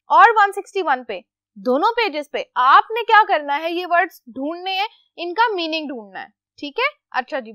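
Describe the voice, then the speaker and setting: High bright woman teacher. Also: no room sound, clean studio sound. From Pakistan. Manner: patient, asks questions and answers them herself. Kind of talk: classroom lesson for children.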